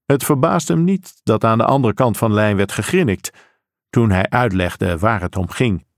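A man reading a crime story aloud in steady, measured scripted narration. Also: on the low side, no echo, studio quality. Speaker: audiobook narrator.

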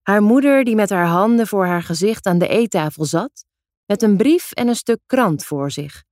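A woman reading a story aloud in a calm, even storytelling manner. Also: medium pitch, normal speed, no room sound, clean studio sound. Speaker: narrator.

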